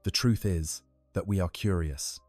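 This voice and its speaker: A man voicing a calm, curious mechanical Necron leader in a measured way. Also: sits low, no room sound, soft background music.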